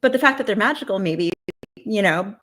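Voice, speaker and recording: A woman's voice: medium pitch, expressive, fairly quick, fairly bright tone. A woman author chatting casually in a livestream interview, rambling with lots of "like" and playful self-deprecating asides. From United States. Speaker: author guest.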